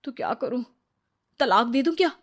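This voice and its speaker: A woman's voice: a little high, lively intonation, moderate pace. A woman voicing a fed-up young wife in a cartoon story, complaining theatrically about her husband. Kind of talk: cartoon voice acting.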